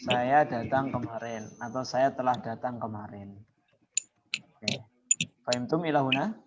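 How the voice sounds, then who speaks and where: A male Arabic teacher leads an online class, going over each phrase patiently and slowly. His voice comes through a dull, muffled video call, with students chattering around him. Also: medium pitch, crowd noise.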